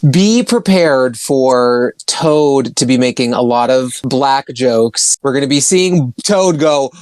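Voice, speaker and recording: A man co-hosting a casual podcast chat, excitable and exclamatory. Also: mid-range voice, slow pace, no echo. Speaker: podcast co-host.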